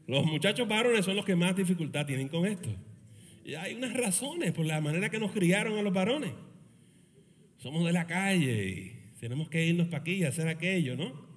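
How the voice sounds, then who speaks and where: A male pastor preaching a sermon, animated and joking, with many rhetorical questions. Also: sits high, unhurried, long pauses, a little hiss or hum. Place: church meeting in a school hall. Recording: reverberant hall.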